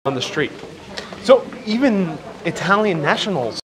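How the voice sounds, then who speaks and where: A man's voice: high-pitched, sing-song, measured pace, crowd noise. A man with a mixed accent, a native Spanish speaker, hosting a casual livestream outdoors. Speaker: livestream host. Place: outdoors, evening streets and harbor. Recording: noisy outdoor street ambience.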